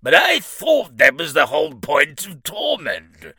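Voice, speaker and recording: A man's voice: on the high side, huge pitch swings, a little slow, pushed and bright, voice pushed up, full character voice. A man voicing an exasperated male demon, protesting in disbelief.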